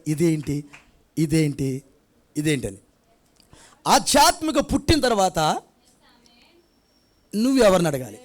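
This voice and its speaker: A man preaching a sermon, asking rhetorical questions and acting out little scenes. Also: sits high. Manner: conversational preaching, rhetorical questions, acts out child and grandfather. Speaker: pastor. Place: church prayer hall.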